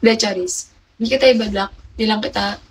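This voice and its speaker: Poor audio with a slight hiss or hum captures a fast-talking young woman with a mid-range voice. As a livestream host, she chats casually and confidingly, reading out viewers' names and answering their comments.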